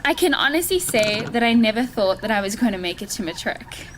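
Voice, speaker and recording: Tearful high-voiced schoolgirl. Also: lively intonation, a little fast, noisy background. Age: late teens. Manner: laughs often mid-sentence, warm and sentimental. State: tearful, laughing through tears. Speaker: graduating student giving valedictory speech. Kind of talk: emotional farewell speech. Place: school hall with audience.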